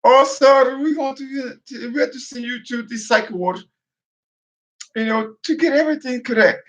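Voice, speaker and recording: A man's voice: very high-pitched, normal speed, fairly bright tone, pitched above the performer's own voice. A man voicing a flustered, overly polite male clerk who speaks hesitantly. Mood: flustered politeness.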